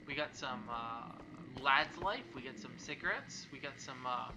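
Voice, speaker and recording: A man's voice: mid-range voice, animated, measured pace, noisy background. A man casually commenting on a video game as a let's play host, rambling and joking. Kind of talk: gameplay commentary.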